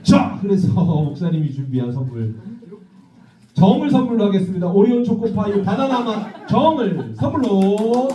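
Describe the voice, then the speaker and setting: Man pastor, children's sermon, animated storyteller; distant, dull-sounding mic. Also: sits high, normal speed, a little hiss or hum. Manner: lively, asks the children questions and acts out voices. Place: church hall. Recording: distant, echoey, dull church recording.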